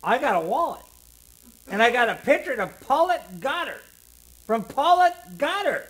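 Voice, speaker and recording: A man voicing an excited young sailor who talks in a shrill voice. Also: measured pace, exaggerated voice. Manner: shrill, eager.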